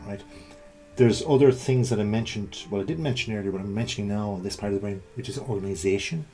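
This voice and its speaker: A man's voice: fairly low pitch, darkish tone. A middle-aged man presenting an informal explanatory talk, conversational, often checking in with the listener. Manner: conversational, rhetorical check-ins.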